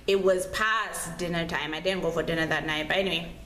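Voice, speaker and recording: A young adult woman vlogs a storytime to camera, telling a personal story in a chatty, slangy, dramatic way and repeating phrases for emphasis. Her voice is fairly low-pitched yet fairly bright, steady in tone and fairly quick. The recording has a roomy echo and clear background noise.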